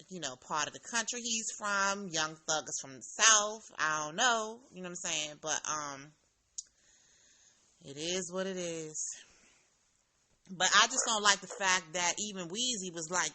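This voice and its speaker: A woman's voice: fairly low pitch, normal speed, pushed and bright. A woman hosting a casual interview, chatty and emphatic, laughing often. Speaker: interview host.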